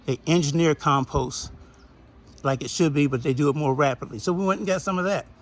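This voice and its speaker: A man's voice: a little high, fairly quick. A man giving a folksy, chatty tour of his backyard garden, laughing now and then. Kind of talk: casual garden walkthrough.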